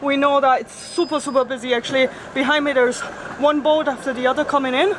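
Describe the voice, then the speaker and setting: A woman in her thirties vlogging casually from a sailboat in a marina, chatty and quick to laugh, filmed on a handheld action camera. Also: sits high, slight background noise. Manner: chatty, laughs often, excitable. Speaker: sailing vlogger. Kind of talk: casual vlog talk. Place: outdoors on a sailboat deck in a marina. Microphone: action camera at arm's length.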